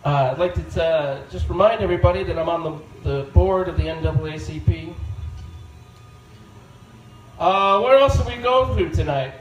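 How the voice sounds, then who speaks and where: A man doing an open-mic stand-up set with a deadpan, offhand delivery on a bar stage. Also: a little high, moderate pace. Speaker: stand-up comedian. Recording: echoey bar room from far off.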